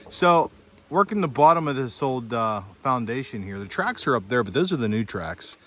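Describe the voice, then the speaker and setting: A man vlogging outdoors in a winter forest while metal detecting, chatty and excited as he talks through each find. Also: medium pitch, moderate pace, faint music behind. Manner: chatty, excited, thinking aloud while digging. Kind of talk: outdoor vlog narration to camera. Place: outdoors in a winter forest by old railroad tracks.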